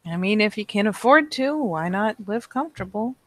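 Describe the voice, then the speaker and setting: A player in a tabletop role-playing game who asks curious, hesitant questions. The voice sits at a middle pitch and sounds dry and close. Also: lively intonation, moderate pace, no room sound.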